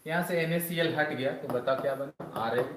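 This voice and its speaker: Loud, high-voiced teacher drilling students. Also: male voice, moderate pace, background noise. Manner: loud call-and-response drilling, chiding students. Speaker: chemistry teacher. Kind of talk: online class lecture.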